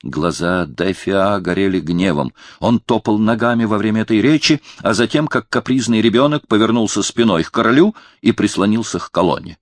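A man narrating a novel as an audiobook in a measured, literary manner. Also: lowish voice, no room sound, clean studio sound.

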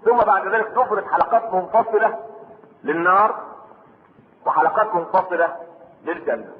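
Egyptian preacher on a tinny, echoing recording. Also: male voice, sits high, moderate pace. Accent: Egyptian Arabic. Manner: mixes formal Arabic with colloquial speech, asks the audience rhetorical questions; prays aloud between points. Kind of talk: religious lecture series.

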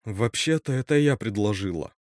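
A man voicing a frightened teenage girl who turns shrill and high-strung when upset, in a read-aloud horror story. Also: animated, moderate pace, a little mellow, no echo, clean studio sound, natural voice. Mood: scared.

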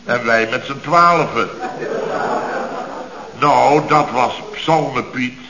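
A male actor with a mid-range voice and a Netherlands Dutch accent performs an indignant, blustering, self-pitying middle-aged building contractor in a 1970s radio comedy. He speaks forcefully in halting, exasperated bursts, with crowd noise on a muffled old radio recording.

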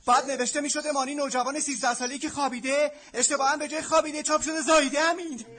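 An actor playing a flustered male journalist who pleads with a noisy crowd to listen. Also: extremely high pitch. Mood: pleading. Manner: pleading, trying to calm a crowd. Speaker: magazine journalist and family friend. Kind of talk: Iranian film comedy acting. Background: crowd of people.

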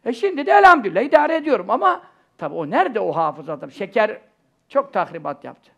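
A middle-aged man preaches into a pulpit microphone in a high, gravelly voice. He talks in a chatty way, tosses in joking asides and rhetorical questions, and slips Arabic blessings between sentences. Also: sing-song, quick pace, muffled recording. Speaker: religious teacher. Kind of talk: sermon-style religious lesson.

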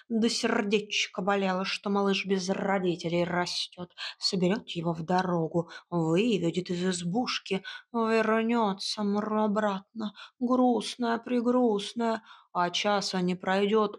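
A woman voicing a proud, grumbling male house cat who talks slowly and purrs between words in an audiobook. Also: medium pitch. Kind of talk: audiobook character voice.

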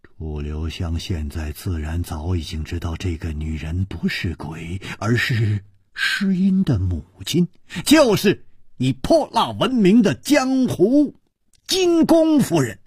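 A man's voice: lowish voice, big pitch swings, slow pace, a little mellow, husky, dry recording, clean studio sound. A man narrating a martial-arts story in a dramatic traditional storytelling style, with asides to the listener. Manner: dramatic, with rhetorical asides and sighs.

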